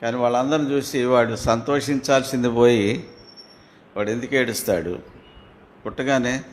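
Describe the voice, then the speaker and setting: A man with a Telugu accent preaching a sermon. He asks his listeners questions and answers them himself, reads scripture slowly and grows loud and fervent. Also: mid-range voice.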